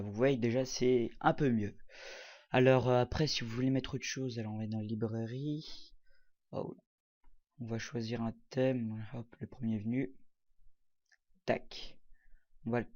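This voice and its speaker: Hesitant man narrating a software tutorial. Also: medium pitch, dull audio. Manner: hesitant, many fillers, talks while clicking. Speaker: tutorial presenter. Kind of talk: casual screen-recorded software tutorial.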